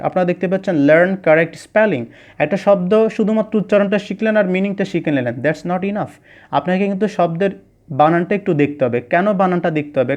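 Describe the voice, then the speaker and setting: A man teaching an online English lesson, explaining slowly, repeating words for pronunciation practice and mixing English phrases into his talk. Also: high voice, a little mellow, lo-fi sound. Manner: mixes English phrases into Bengali speech.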